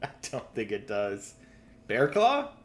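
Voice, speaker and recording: A man's voice: lowish voice, wildly swooping pitch, takes it slowly. Laughing, easygoing man co-hosting a podcast. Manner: laughs often, casual swearing. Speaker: podcast co-host. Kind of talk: casual chat.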